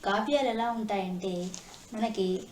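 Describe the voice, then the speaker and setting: A woman giving a devotional discourse, asking rhetorical questions and chanting verses slowly. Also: mid-range voice, darkish tone, echoey room, a little hiss or hum. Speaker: spiritual discourse speaker.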